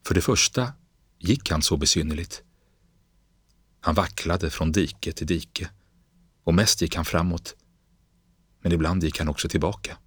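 A man narrating literary fiction in a slow, grave, measured reading. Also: a bass voice, fairly bright tone, husky, no echo.

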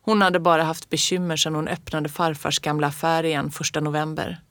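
A reader narrating a children's storybook in the first person of a child, in a calm, gentle, even way. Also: medium pitch, no echo. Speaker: audiobook reader.

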